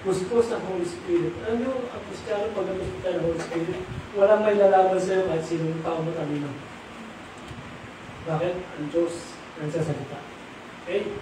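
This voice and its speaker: Steady in tone and normal in speed, a high-pitched man of middle age or older delivers a sermon. He slips English into his Tagalog and questions the audience rhetorically; the sound is echoey, far off and faintly noisy.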